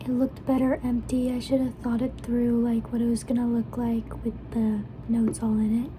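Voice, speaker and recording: A young woman rambling softly in ASMR style while mukbang eating, talking between bites and slipping into whispers. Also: fairly high pitch, completely flat delivery, moderate pace, low-quality recording. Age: young adult. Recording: clear background noise.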